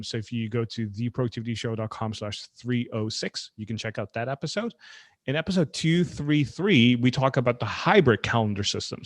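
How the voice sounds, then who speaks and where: A man from the Netherlands co-hosts a podcast, chatting in a loose, conversational way packed with fillers. His voice is mid-range, with no room sound.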